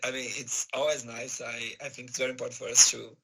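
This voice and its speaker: A man with a hoarse, sore-throated voice giving an informal panel answer, searching for his words as a guest speaker. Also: mid-range voice, level tone, quick pace, pushed and bright, low-quality recording.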